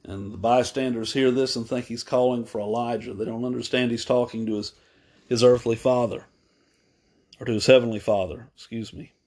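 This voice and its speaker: Unhurried man preaching a sermon. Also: mid-range voice, steady tone, darkish tone. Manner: unhurried, pausing with fillers and self-corrections. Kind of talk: unscripted sermon retelling.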